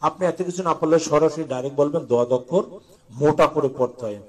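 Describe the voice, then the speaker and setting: A man teaching Quran letter pronunciation, slowly chanting drills between quick colloquial explanations. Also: fairly high pitch, far from the mic.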